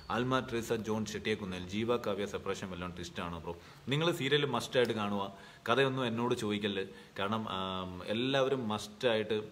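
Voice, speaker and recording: A young man on a live stream, reading fan comments aloud and answering them in a relaxed, chatty way with many fillers, from his home. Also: fairly low pitch, slight background noise. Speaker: serial actor answering fan questions.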